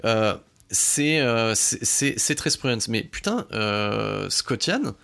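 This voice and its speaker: A man hosting a podcast, giving a casual, excitable album review full of swearing, fillers and restarts. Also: lowish voice, slow, creaky, clear, resonant tone.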